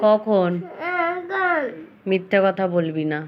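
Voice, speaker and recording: A woman at home gently questioning and scolding her crying child in a casual home video. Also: mid-range voice, takes it slowly. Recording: dull lo-fi sound over loud child crying. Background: loud crying child.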